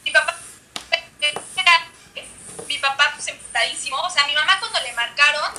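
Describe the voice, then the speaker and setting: A young Mexican woman talks as a livestream guest, speaking Spanish with a Mexican accent in relaxed, casual chat. Her voice is high and very bright and sharp. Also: moderate pace, soft background music.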